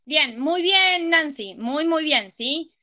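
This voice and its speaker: High, bright woman tutor. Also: expressive, takes it slowly. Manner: checks understanding with frequent ¿sí? and ¿estamos?. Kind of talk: online grammar class.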